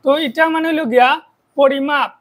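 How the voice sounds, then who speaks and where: A woman's voice: high voice, steady tone, a little fast, rough recording. A woman with a Sylheti accent teaching a math lesson for an online video, explaining step by step and often checking in with rhetorical questions.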